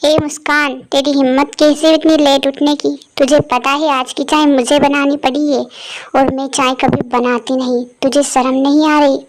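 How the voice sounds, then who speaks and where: Woman doing a nasty sneering mother-in-law, cartoon story, pretty high voice. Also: flat delivery, normal speed, a little hiss or hum, natural voice. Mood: scolding. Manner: sneering, taunting. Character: harsh scolding mother-in-law, older woman.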